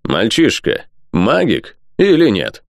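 A man's voice: fairly low pitch, wildly swooping pitch, slow pace, vocal fry, no room sound, clean studio sound, voice pushed up, exaggerated voice. A man playing a snarling, hot-tempered young earl. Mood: scornful. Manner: snarling, scornful.

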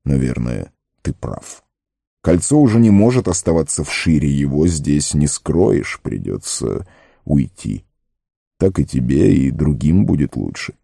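A man puts on a grave old wizard in an audiobook, commanding and stern. The voice sits very low, dark and gravelly. It is close and dry. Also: very animated, no echo, heavily acted. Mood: earnest warning. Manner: grave, slow and warning. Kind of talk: audiobook character reading.

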